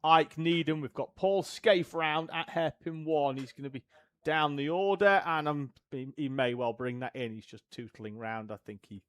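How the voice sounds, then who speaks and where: A man giving live race commentary, briskly running through driver names and positions. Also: a little high, steady tone, fairly bright tone, dry recording.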